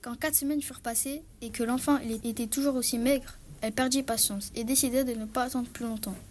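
A woman's voice: fairly high pitch, fairly even intonation, brisk, darkish tone, slight background noise. A woman reading a fairy tale aloud in plain storybook narration.

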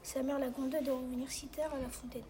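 High-voiced woman reading a fairy tale. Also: flat delivery, quick pace, warm tone, a little hiss or hum. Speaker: narrator.

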